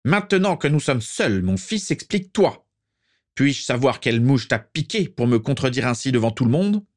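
A man's voice: on the low side, moderate pace, lightly acted. A man doing a furious old patriarch. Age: older. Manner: harsh, contemptuous. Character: old wrinkled patriarch with a cane, furious and contemptuous.

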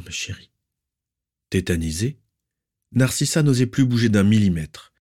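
A man reading a dramatic story aloud in measured storytelling. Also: deep voice, darkish tone. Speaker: audiobook reader.

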